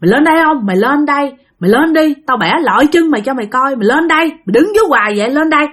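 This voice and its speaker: Woman voicing a shrill furious female demon. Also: expressive, rapid-fire, fairly bright tone. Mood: taunting threats. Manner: shrill threatening taunts. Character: furious red-faced fanged female demon.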